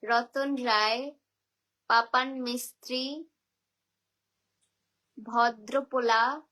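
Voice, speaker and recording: On a phone livestream, a woman from Bangladesh's Barisal region reads out viewers' names and answers their comments with teasing, chatty replies. Her voice is a little high, pushed and bright, held steady and very slow.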